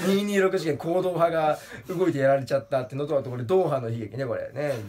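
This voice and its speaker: Giggly man presenting gag pictures. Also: normal speed. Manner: laughs at his own jokes, lively pitch swings; pitches up into a strained high whine for punchlines. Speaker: comedian presenting joke pictures. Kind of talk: casual comedic talk with laughter.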